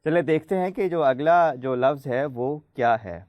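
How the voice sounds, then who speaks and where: A man hosting a children's program, patiently quizzing the kids and slowly spelling out letters for them to pronounce. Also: medium pitch, no echo, muffled recording. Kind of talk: friendly studio hosting for children.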